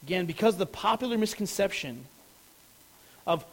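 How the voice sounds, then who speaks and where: A man's voice: sits high, lively intonation, normal speed, rough recording. A man preaching a sermon as a pastor, explaining a passage earnestly and stressing key words.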